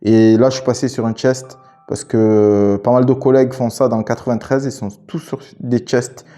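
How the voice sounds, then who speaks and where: Male cop, relaxed hesitant gear talk, warm dark voice. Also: mid-range voice. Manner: hesitant, many filler pauses, relaxed slang. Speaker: police officer and gear channel host. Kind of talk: casual gear chat to camera.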